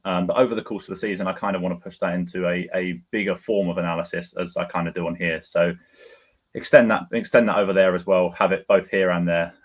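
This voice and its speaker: A man's voice: sits low, steady tone, quick pace. A man talking casually as a guest on a football fan chat. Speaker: guest football content creator.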